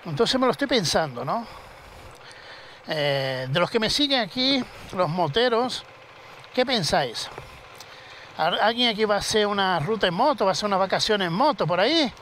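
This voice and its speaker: Motovlogger, man, higher voice, chatty and salty, helmet-cam take with loud traffic noise. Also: moderate pace, poor audio. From southern Spain. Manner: chatty, animated storytelling with swearing. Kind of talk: casual chat while riding. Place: outdoors on a motorcycle at night, city streets. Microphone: helmet-mounted action camera. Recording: loud street and engine noise. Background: traffic and city street noise.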